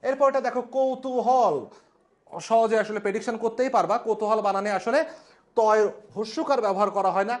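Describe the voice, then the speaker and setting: A male language instructor giving a classroom spelling lesson at a board, drawing out each word slowly and repeating it. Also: high voice, steady tone. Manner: slow, drawn-out repetition of spellings.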